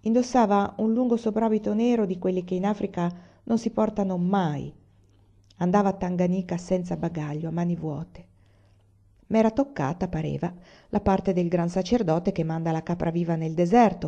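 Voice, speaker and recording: A woman reading a novel aloud as an audiobook narrator, calm and measured, in a lo-fi recording. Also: on the low side. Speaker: reader.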